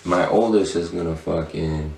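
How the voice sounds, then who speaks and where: A man's voice: low-pitched, normal speed, gravelly, darkish tone. A middle-aged man chatting casually as a podcast guest in a laid-back, slangy stoner drawl. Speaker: podcast guest, tattoo shop owner. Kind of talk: casual chat. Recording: roomy echo, distant mic.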